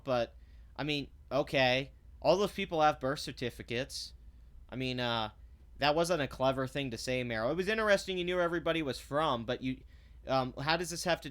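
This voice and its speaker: This is a man's voice of medium pitch with a fairly bright tone, from a commentary vlogger in full rant. The commentary is blunt and sarcastic, peppered with swearing and stumbling restarts whenever he gets worked up.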